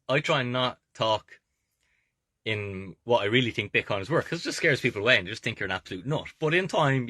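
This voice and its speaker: Recorded at studio quality with no echo, an Irish coach's medium-pitched voice comes across pushed, bright and husky. Sitting in a camper van, he gives viewers emphatic, informal investment motivation, regularly asking "okay?".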